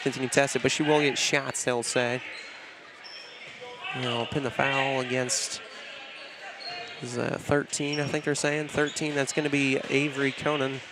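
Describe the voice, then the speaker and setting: Flat-voiced man calling basketball play-by-play. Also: mid-range voice. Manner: brisk, steady, repeats "it's gonna be". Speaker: play-by-play announcer. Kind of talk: live basketball commentary. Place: school gymnasium during a game. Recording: loud gym noise with bouncing balls.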